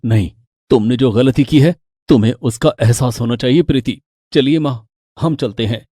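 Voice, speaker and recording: A man voicing a calm, firm young husband and son in a cartoon story, talking reasonably. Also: mid-range voice, normal speed, breathy edge, no echo, studio quality, natural voice.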